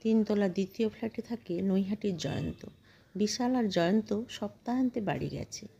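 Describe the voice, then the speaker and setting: Woman storyteller, steady measured reading, warm mellow tone. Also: medium pitch, vocal fry, slightly rough, highs cut off. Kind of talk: scripted narration.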